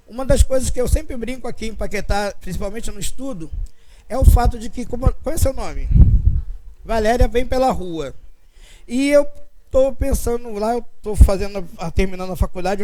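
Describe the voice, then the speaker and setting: A man's voice: very high voice, mellow, poor audio. An older man, leading a spiritist study group in a chatty, anecdotal way and acting out bits of dialogue. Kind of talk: casual talk to a study group.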